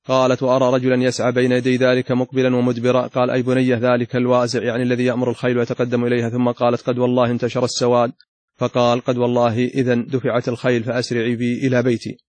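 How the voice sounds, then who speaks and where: A man's voice: mid-range voice, monotone, racing, darkish tone, no echo. A man teaching a lesson, reading a classical text aloud and then restating passages in his own words with added emphasis. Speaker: Islamic scholar teaching a lesson.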